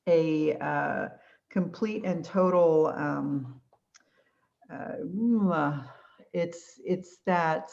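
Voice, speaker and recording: Lower-voiced tired woman, chatty. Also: extremely slow, vocal fry, darkish tone. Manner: searching for words, chatty. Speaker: study group member. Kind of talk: casual group discussion. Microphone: video call. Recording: muffled video call audio.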